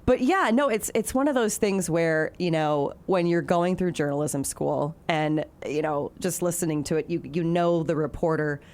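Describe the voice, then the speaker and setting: A woman's voice: low voice, normal speed, hardly any pauses, darkish tone. A woman from the Chicago area, a TV news anchor, chatting in an interview with lots of fillers and restarts. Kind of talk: casual interview chat.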